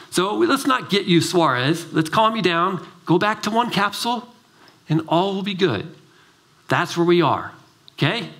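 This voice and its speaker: A middle-aged man, a doctor, giving an emphatic, driven summit presentation and telling stories with acted-out dialogue. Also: high-pitched. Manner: animated storytelling, acts out dialogue. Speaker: doctor giving a conference talk.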